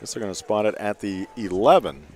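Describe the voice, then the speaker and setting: A man calling live high school football play-by-play in short running phrases. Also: a little fast, a crowd in the background. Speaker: play-by-play announcer.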